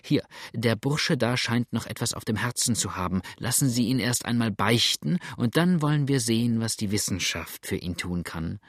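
A man voicing a small, brisk, callous male country doctor who talks in a clinical, eager way and often exclaims. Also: medium pitch, expressive, dry recording, clean studio sound.

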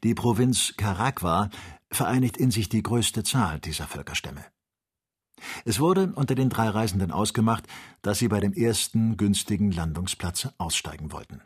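A man narrates a classic adventure novel in an even, measured reading. His voice sits low and carries a husky grain. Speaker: audiobook narrator. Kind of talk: scripted narration.

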